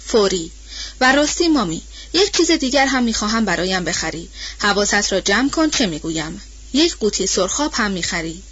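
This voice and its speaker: A woman's voice: mid-range voice, sing-song, fairly bright tone, slightly rough. A woman voicing a spoiled, commanding young woman who gives cool, formal orders. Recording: dull lo-fi recording.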